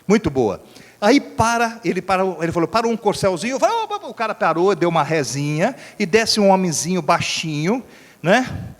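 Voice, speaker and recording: A middle-aged Brazilian man, preaching a sermon as a pastor and acting out a story with voices and sound effects. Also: fairly high pitch. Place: church hall. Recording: church hall reverb.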